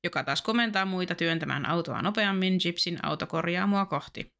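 A Finnish woman with a lowish voice co-hosts a relaxed podcast. She reads trivia recaps and laughs readily, filling gaps with quick agreements. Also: vocal fry. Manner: laughs often, affirming interjections. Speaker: podcast co-host. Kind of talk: casual podcast chat and read-aloud recap.

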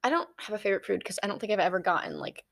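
Giggly young woman co-hosting a podcast. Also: mid-range voice. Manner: giggly, animated, quick to correct. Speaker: podcast co-host. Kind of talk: casual chat.

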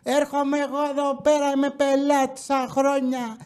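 Guy doing a snooty lady customer, high voice, ranting and offended. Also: completely flat delivery, a little mellow. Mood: indignant. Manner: indignant ranting. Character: haughty middle-aged woman customer, indignant.

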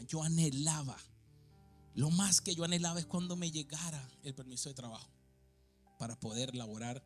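A man from Venezuela preaching a sermon in a church, moving between quiet, confiding passages and shouted, fervent exhortation. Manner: impassioned, swings from low confiding to shouted exhortation.

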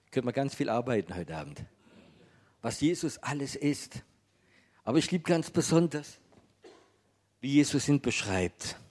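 A man preaching to a congregation in a gentle, conversational way, often asking his listeners questions. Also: medium pitch. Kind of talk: sermon to a congregation.

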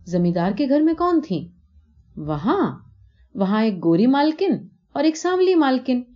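A woman voicing a small girl who wonders and misses her mother, in a high questioning child voice, on a dull lo-fi recording. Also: sing-song. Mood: puzzled.

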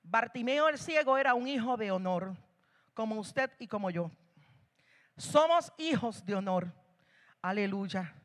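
A woman's voice: fairly high pitch, lively intonation, a little slow, long pauses, long reverb tail. A woman lay preacher giving an emphatic sermon in a church, punctuated with hallelujahs.

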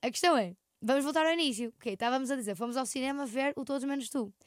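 A woman's voice: sits high, rapid-fire, dry recording, clean studio sound. A young woman with a European Portuguese accent co-hosting a casual podcast, telling stories animatedly and acting out her friends' lines. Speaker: podcast co-host. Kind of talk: casual chat.

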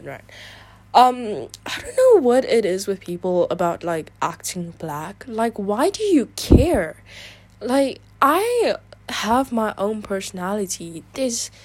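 Chatty woman reading confessions aloud. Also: mid-range voice. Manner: chatty, filler-heavy talk with frequent "like"; animated, reactive asides between read passages. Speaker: video creator.

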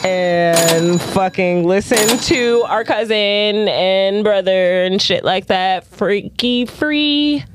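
A woman's voice: medium pitch, slow, hardly any pauses, slight background noise. A woman co-hosting a podcast in casual chat. She swears freely, giggles often and trails off into fillers. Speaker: podcast co-host.

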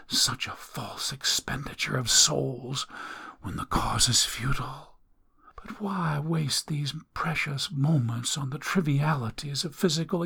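A man voicing a dying old woman in a hoarse, mocking, breathy whisper. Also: on the high side, a bit bright, full character voice.

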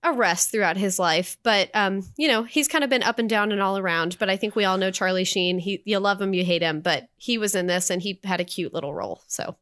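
A woman co-hosting a film review podcast, chatting in an animated way with frequent fillers. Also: mid-range voice, a little fast, hardly any pauses. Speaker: podcast co-host. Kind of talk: casual film review chat.

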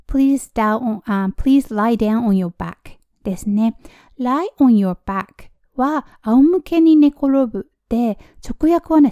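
A middle-aged woman, an operating room nurse, giving a chatty language lesson and leading pronunciation drills with slow, careful model phrases. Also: a little high, warm tone, dry recording, studio quality.

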